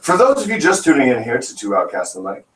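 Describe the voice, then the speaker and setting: Another internet radio co-host rambles and jokes in loose conversation, restarting many times, with huge pitch swings around a mid-range voice and a fast delivery. The small-studio desk mic picks him up from a distance, so it sounds roomy, with a little hiss or hum.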